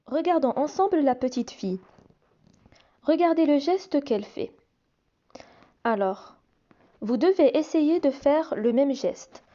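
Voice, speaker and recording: A woman teaching young children to read, sounding out each syllable slowly and repeating it. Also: high-pitched, lively intonation, warm tone, lo-fi sound. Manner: slow, deliberate, repeats and stretches each sound. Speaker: reading teacher. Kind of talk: slow phonics lesson for young children.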